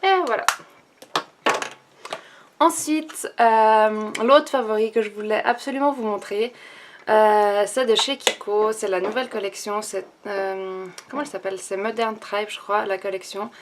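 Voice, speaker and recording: A woman's voice: mid-range voice, steady tone, unhurried. Young woman, beauty vlogger, casual makeup tutorial, chatty, lots of fillers, faint background hiss. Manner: chatty, thinks aloud with many fillers and restarts.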